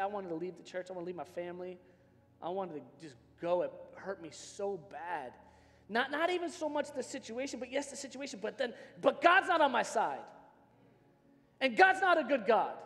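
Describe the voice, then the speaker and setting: Preaching on a large indoor church stage, a middle-aged American pastor with a high-pitched voice delivers an emphatic, impassioned sermon woven with personal stories, shifting dramatically between hushed speech and shouting. He wears a hands-free microphone, and the recording comes through a reverberant large-hall sound system.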